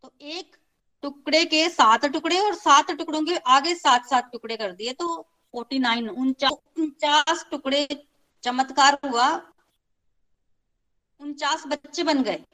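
Unhurried and forceful, a woman with a high, bright voice retells a scripture story to her listeners in a relaxed, chatty way. She repeats phrases to stress them and slips in English words, on a rough recording.

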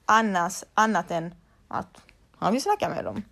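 A woman's voice: mid-range voice, expressive, vocal fry, fairly bright tone. A young woman, a laser hair removal technician, chatting casually and bluntly to her followers and swearing freely.

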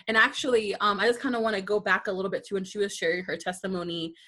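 A woman's voice: medium pitch, steady tone, quick pace, pushed and bright. A woman co-hosting a casual chat, upbeat and teasing. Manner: upbeat and teasing, laughs easily. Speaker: co-host.

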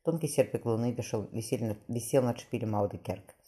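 A man narrating an audiobook quickly, with occasional restarts. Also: mid-range voice, mellow, breathy edge. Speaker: audiobook reader.

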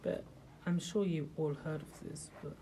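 An unhurried speaker with a warm, steady, middle-pitched voice guides a small group through an informal religious talk in a room. They ask rhetorical questions and frequently restart sentences hesitantly, with faint background noise running beneath.

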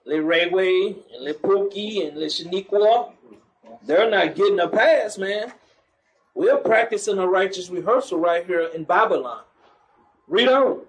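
Commanding high-voiced street preacher man. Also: unhurried, slight background noise, rough recording. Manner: commanding, mocking, calls for the next verse. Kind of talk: street preaching with scripture reading.

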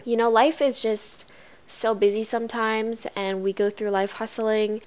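A young woman from Canada hosting a student podcast, speaking earnestly with frequent ums. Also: mid-range voice. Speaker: podcast host. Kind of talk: scripted podcast introduction.

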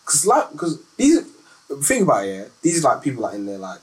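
A man with a London roadman accent in a casual personal chat, with halting, repetitive, laid-back slangy phrasing. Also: a little high, huge pitch swings. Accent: London, urban multicultural street slang.

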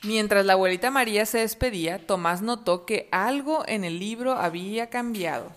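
A woman reading a story aloud to children in a gentle, expressive way and asking them questions. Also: mid-range voice, moderate pace.

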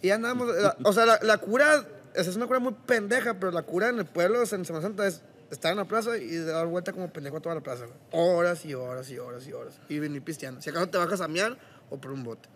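A man's voice: sits high, fast talker, a bit bright, a little hiss or hum. A young man, telling a rambling, profane story in casual podcast chat. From Mexico. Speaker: podcast guest.

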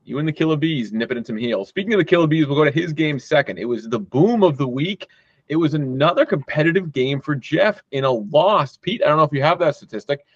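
A man's voice: fairly high pitch, animated, quick pace, slightly rough, no echo. A man hosting a casual chat among friends, running the segments and handing off questions to the others. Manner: hands off questions, runs the segments. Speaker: podcast host. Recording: dull lo-fi sound.

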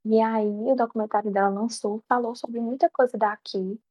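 A young adult woman in a relaxed, self-mocking casual chat. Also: on the high side, moderate pace, no echo, highs cut off.

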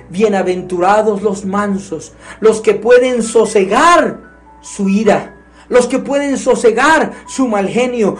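A preacher giving a sermon in an earnest, emphatic way, often asking the listeners questions. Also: medium pitch.

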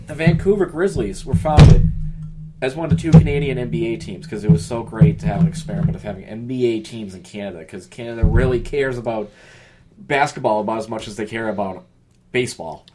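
A New England man co-hosts a casual podcast chat, rambling through sports trivia with jokes and the odd swear before trailing off into mumbles. His voice is medium-pitched at a moderate pace, with background noise behind him.

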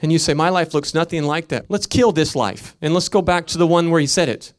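Male pastor, fiery sermon delivery, rhythmic repeats, slightly high voice. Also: brisk. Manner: impassioned preaching, swinging from loud emphatic peaks to quiet storytelling; repetitive, rhythmic emphasis.

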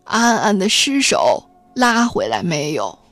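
A woman voicing a frail, grieving old village grandmother who asks questions in a hoarse, insistent voice. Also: medium pitch, big pitch swings, slow, a bit bright, faint music behind, exaggerated voice. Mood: anxious.

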